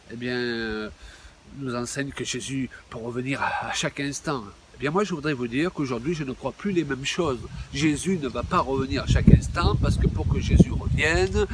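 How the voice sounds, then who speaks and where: A pastor in his sixties delivers a lively video sermon in a fairly high voice, with frequent exclamations. He pauses a lot and fills the gaps with fillers, and there's background noise.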